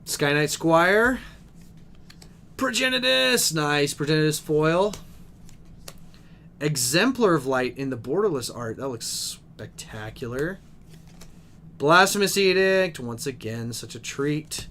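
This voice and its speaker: Excitable young man streaming pack openings. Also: fairly high pitch, takes it slowly, long pauses, slight background noise. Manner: excitable, reads card names aloud, chats with viewers. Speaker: game store streamer opening card packs. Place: game store. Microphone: desk microphone.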